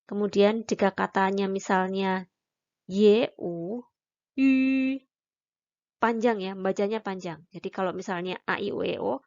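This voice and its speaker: A woman's voice: mid-range voice, little pitch movement, normal speed, creaky, dull audio. A woman teaching a language lesson, patiently explaining and demonstrating each syllable aloud. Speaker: Mandarin teacher. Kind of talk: recorded online lesson.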